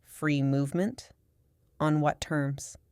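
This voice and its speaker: Woman doing a calm, drawling American official. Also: sits low, slow, clean tone, no room sound, clean studio sound. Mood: probing. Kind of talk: audiobook character voice.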